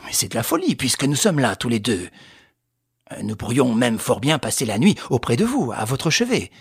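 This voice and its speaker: A man's voice: mid-range voice, big pitch swings, normal speed, slightly rough, dry recording, studio quality, full character voice. Man reading as a composed, reassuring man. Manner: reassuring, firm.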